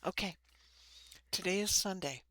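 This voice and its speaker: A woman with a lisp and slushy s sounds, giving an informal spiritual talk to camera in short, halting phrases. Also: fairly low pitch, bright, forceful tone, dry recording. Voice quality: lisping, slushy sibilants from ill-fitting dentures. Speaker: host of a spiritual card-reading channel. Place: small room.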